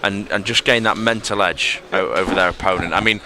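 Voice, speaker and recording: A man commentating live on a racket sport, chatty and quick to get excited on big points. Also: deep voice. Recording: loud crowd and background noise.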